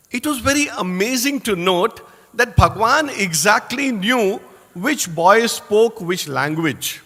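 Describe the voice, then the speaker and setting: A man's voice: sits high, bright, forceful tone. A man in his sixties from North India with an Indian English accent, earnestly telling devotional memories to an audience as an alumnus speaker. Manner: earnest storytelling, quotes himself in asides. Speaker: alumnus and former faculty speaker. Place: large assembly hall. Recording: echoey large hall.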